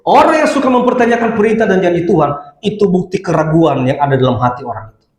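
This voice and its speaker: Animated preacher in an echoey church. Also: male voice, quick pace. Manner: animated, swings between loud exclamations and soft low asides. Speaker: pastor. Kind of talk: sermon.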